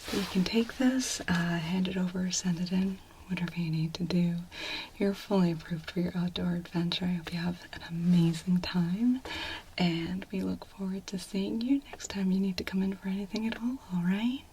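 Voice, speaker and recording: Whispered role-play, soft low dark woman. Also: fairly even intonation, moderate pace, slight background noise. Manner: soft, reassuring, procedural, step-by-step. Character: gentle, reassuring female clinic examiner and massage specialist. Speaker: ASMR performer playing a clinician.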